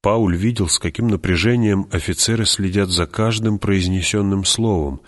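A man narrating an audiobook in a steady, even storytelling manner. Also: deep voice, normal speed. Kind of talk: scripted narration.

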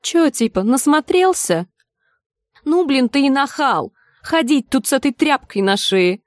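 Woman reader as a slangy, jeering street-fan lad, high and pushy. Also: expressive, unhurried, no room sound, studio quality. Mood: taunting. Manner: rude, slangy, taunting. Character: brash young male street football fan.

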